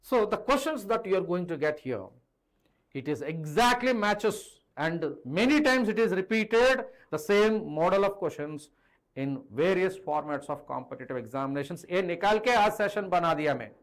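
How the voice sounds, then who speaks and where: A middle-aged male teacher with an Indian accent explains at the board in a live online lesson. His voice sits a little high for a man. He addresses students directly and slips between two languages as he explains. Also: expressive, a little fast. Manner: code-switches between English and Hindi, addressing students directly. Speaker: chemistry teacher. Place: indoor teaching studio with a digital board. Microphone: clip-on lapel mic.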